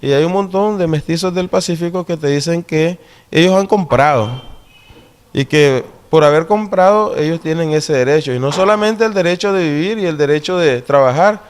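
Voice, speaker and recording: A man with a fairly high voice and a Nicaraguan Caribbean coast Spanish accent. He explains deliberately, as an interview guest does, often stopping on small tag questions to seek agreement. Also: clear, resonant tone.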